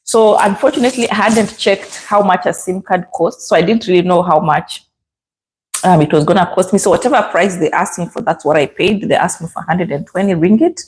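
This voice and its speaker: A woman's voice: lowish voice, brisk, a little mellow, low-quality recording. A woman with a Kenyan accent chatting casually as a travel vlogger, giving practical tips and checking in with the listener. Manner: conversational, checks in with "yeah?" and "okay?".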